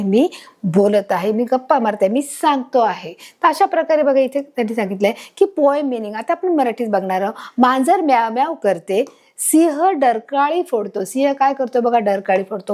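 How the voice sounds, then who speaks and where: A woman's voice: a little high, darkish tone. A woman teacher with a Marathi accent explaining an English lesson to children, asking and answering her own questions.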